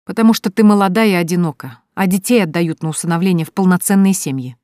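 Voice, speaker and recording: A woman voicing a sharp-tongued, practical young woman who teases and lectures her friend. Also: lowish voice, quick pace, dry recording, clean studio sound, lightly acted. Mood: lecturing. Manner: teasing, coolly lecturing.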